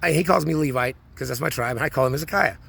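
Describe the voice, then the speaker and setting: A man's voice: on the high side, very fast, vocal fry, fairly bright tone, husky. A man in his forties talking through a rambling personal monologue, full of restarts and repeated words. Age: 40s. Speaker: vlogger.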